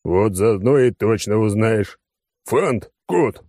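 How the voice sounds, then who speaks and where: A man's voice: on the low side, animated, slow pace, warm tone, no echo, studio quality, exaggerated voice. A man voicing a crude, jolly male crewman who jokes and teases, in an audiobook. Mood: joking. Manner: brash, joking.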